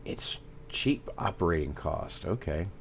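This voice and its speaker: A man with a Southern US accent giving casual gameplay commentary, thinking aloud with fillers and pauses. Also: deep voice, animated, creaky, a little hiss or hum. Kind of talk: casual let's-play commentary.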